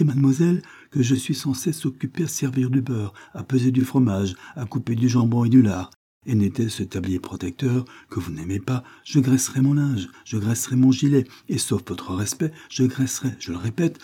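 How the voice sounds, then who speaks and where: A man's voice: mid-range voice, normal speed, mellow, breathy edge, pitched above the performer's own voice, natural voice. A man doing an eager lovestruck little grocer. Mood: pleading. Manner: eager, effusive.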